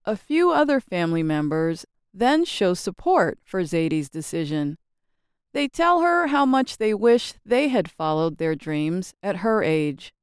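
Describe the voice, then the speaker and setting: American woman, lesson narration, lively intonation, crystal-clear dry voice. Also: on the low side, no room sound. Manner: slow, careful, expressive. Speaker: English teacher, narrator.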